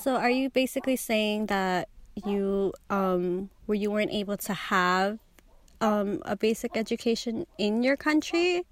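Over a remote video call, a woman conducts an oral history interview, asking short, plain questions and following up hesitantly. Her mid-range voice is animated and unhurried, with no echo.

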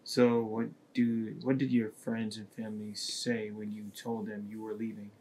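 A man's voice: lowish voice, little pitch movement, unhurried, darkish tone, breathy edge, poor audio. A man interviewing a woman for an oral history, asking short, plain questions. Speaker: student interviewer.

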